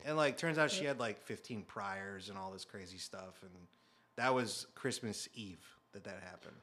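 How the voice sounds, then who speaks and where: A man in his thirties telling a comic story in a casual chat, animated and acting out quotes, with muttered asides. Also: lowish voice, moderate pace. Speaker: guest storyteller.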